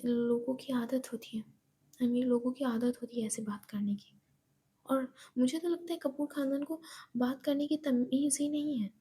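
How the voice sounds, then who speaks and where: A woman voicing a snide young woman who sneers in a soft voice. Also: high voice, steady tone, normal speed, slightly rough. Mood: sneering.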